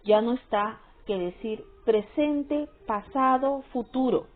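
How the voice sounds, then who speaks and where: A woman's voice: on the high side, slow. A woman teaching a grammar lesson, often checking understanding with short questions. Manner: repetitive, checks with frequent "¿sí?" and "¿no?". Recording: tinny phone-like sound with faint music.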